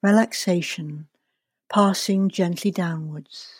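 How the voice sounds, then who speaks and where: A woman leading a guided relaxation and visualization in a calm, soothing, deliberate way, leaving long pauses. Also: fairly low pitch, breathy edge, no echo, clean studio sound. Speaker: guest leading a guided meditation.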